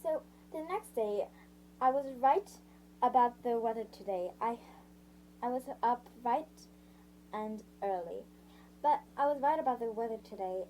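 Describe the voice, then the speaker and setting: She has a fairly high, expressive and warm voice, captured on a rough recording with slight background noise. Reading a first-person novel as an amateur, she stumbles, restarts lines, corrects herself often and stops to summarize sections in her own words.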